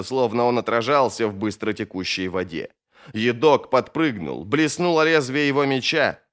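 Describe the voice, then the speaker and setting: A man narrating a fantasy novel as an audiobook in a steady, expressive storytelling manner. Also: medium pitch.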